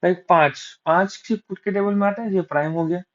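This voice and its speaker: In a fast, high voice, a man teaches an exam-prep maths lesson, calculating out loud step by step and responding to his own questions. He blends English mathematical terms into Hindi, captured in a dull, lo-fi recording.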